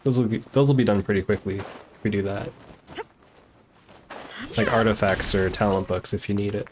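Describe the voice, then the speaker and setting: Against a noisy background, a man with a fairly low voice keeps a steady tone and moderate pace as he streams a game. His live commentary is laid-back and casual, aimed at his viewers and sometimes at himself.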